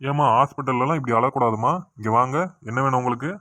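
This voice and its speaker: A woman voicing a stern middle-aged male doctor in a cartoon, speaking bluntly and gravely. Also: extremely low pitch, steady tone, quick pace, fairly bright tone, no echo, voice pushed down.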